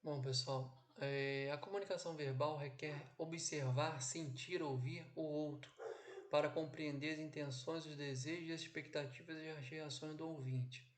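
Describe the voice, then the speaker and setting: A man's voice: on the high side, steady tone. A man teaching an online course from his home office, with a didactic delivery that keeps checking in with "ok?" and "né?". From Brazil. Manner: didactic, drawn-out phrasing with frequent "ok?" and "né?". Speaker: instructor. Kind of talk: online lecture. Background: background noise.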